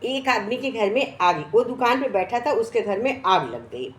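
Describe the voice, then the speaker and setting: A woman's voice: fairly high pitch, expressive, moderate pace. A woman giving a devotional sermon in Hindi, teaching through a parable whose characters she voices in turn. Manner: retells a parable, voicing each character. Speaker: devotional speaker.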